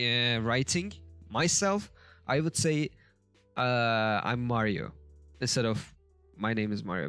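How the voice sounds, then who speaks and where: Guy going thru a lesson out loud, slow and halting, keeps fixing himself, mid pitch. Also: clear, resonant tone, no echo. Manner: halting, self-correcting, thinking aloud. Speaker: language learner teaching a lesson. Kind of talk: casual screen-share lesson commentary.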